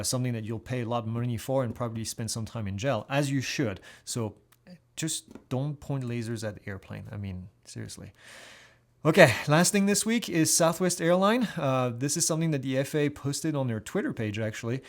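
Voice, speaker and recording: A man presents a weekly aviation news roundup in a loose, conversational way. He restarts his sentences and fills the gaps with "uh," and his pitch sits in an ordinary middle range. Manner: casual, conversational, with many fillers and restarts.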